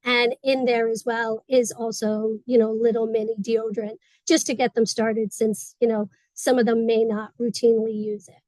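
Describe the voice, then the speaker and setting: A woman on a webinar panel, chatty and quick, explaining how she trains staff over a video call. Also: on the high side, little pitch movement, darkish tone, no echo, poor audio. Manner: chatty, fast-paced explaining. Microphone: video call mic.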